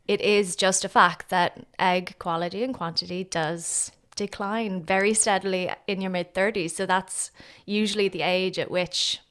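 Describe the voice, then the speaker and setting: A woman's voice: mid-range voice, a bit bright. A woman, hosting a podcast in a conversational interview style. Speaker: podcast host.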